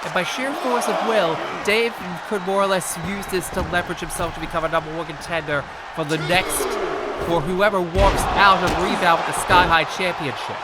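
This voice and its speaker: High-pitched excitable male wrestling commentator over crowd. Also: normal speed. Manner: excitable, wordy, repeats phrases for emphasis. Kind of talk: live play-by-play wrestling commentary. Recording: loud crowd noise behind the voice.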